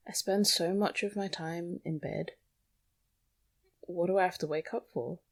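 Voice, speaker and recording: Alone in a small home bedroom with a small microphone, a young podcast host rambles through an anxious, self-deprecating confessional monologue. She speaks at a fairly low pitch, without hurry, in a gravelly voice.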